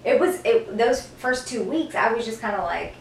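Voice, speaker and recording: Woman, from Mississippi, forties, lively storyteller, higher voice, echoey room, mic set back. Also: moderate pace, creaky, noisy background. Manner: lively storyteller, many restarts. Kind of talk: casual chat. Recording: roomy distant mic.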